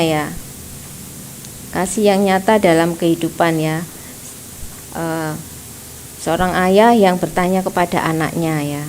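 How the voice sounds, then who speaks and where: Slow-spoken woman preaching. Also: on the low side, a little hiss or hum, low-quality recording. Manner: slow, gentle, tags nearly every phrase with "ya". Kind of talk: sermon at a prayer service. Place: church.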